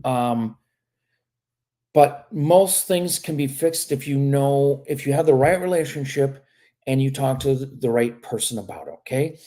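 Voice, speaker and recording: A man's voice: mid-range voice, expressive, measured pace, dark tone. A man working as an immigration lawyer, answering viewer questions on a live stream in a casual, frank way and often tagging on "okay?". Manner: reads viewer questions aloud and answers them.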